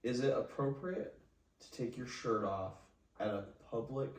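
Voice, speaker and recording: A man's voice: medium pitch, measured pace. A young man co-hosting a podcast with casual, crude, teasing banter. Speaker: podcast co-host. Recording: echoey room, distant from the mic.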